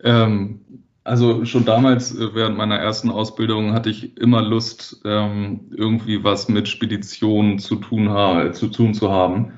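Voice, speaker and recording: A man from the Hamburg area in his thirties, a freight dispatcher answering interview questions casually, hesitant with many fillers and quick to laugh. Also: lowish voice, level tone, darkish tone, lo-fi sound. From Hamburg area, Germany.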